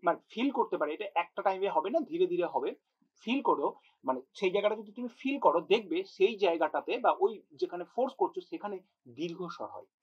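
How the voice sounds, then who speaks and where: In a muffled recording, a man with a high, slightly rough voice leads an exam-prep grammar lesson aloud. Patiently, he addresses his students directly, repeats points to make them stick, and sounds out words to model pronunciation.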